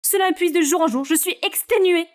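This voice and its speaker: A woman's voice: very high-pitched, fairly quick, pitched above the performer's own voice. A woman voicing an exhausted teenage girl complaining about her strict life. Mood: exasperated. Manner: exasperated complaining. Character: tired, put-upon teenage girl, frustrated.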